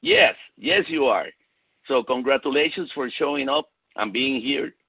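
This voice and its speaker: This executive consultant and motivational sales speaker, from South America and Puerto Rico, talks at normal speed with a medium-pitched, expressive, husky voice and vocal fry. His Latin American Spanish accent carries an emphatic business pep talk full of repeated key phrases, coming through a conference call as tinny, narrow phone audio without echo.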